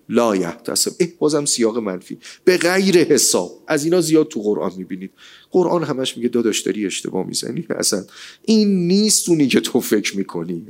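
Animated man preaching a colloquial sermon. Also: medium pitch. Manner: rhetorical, animated, quotes scripture. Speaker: religious speaker.

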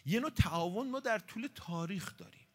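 A man's voice: sits high, expressive. A man giving a conversational religious talk, explaining points and posing rhetorical questions that he answers himself. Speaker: religious lecturer.

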